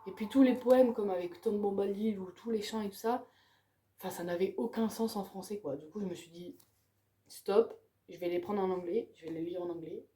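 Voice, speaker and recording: A book vlogger runs through her reading pile in a relaxed, excited chat, with "quoi" capping her phrases. She has a warm, mid-range voice and speaks at a normal speed.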